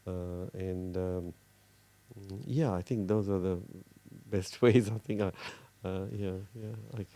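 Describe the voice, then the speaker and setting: A middle-aged man from Fiji, a cardiologist, talking earnestly in an interview with many pauses and restarts. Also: low voice, steady tone, dark tone, dry recording. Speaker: cardiologist guest. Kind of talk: casual interview talk.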